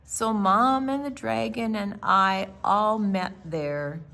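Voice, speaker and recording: Her mid-range voice has a gravelly edge as she performs a rhyming children's picture book. She reads it theatrically, storytime-style, pausing for drama and leaning on key words.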